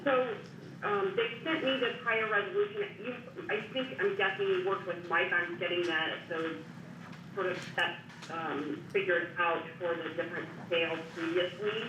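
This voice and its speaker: A woman's voice: lowish voice, moderate pace, highs cut off. Brief: woman attorney calling in, hesitant and full of fillers, heard over a distant, roomy speakerphone. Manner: hesitant, many fillers and hedges. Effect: heard over a speakerphone in a boardroom. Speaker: HR attorney on a call. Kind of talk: phone call into a county board meeting. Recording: echoey distant speakerphone with room noise.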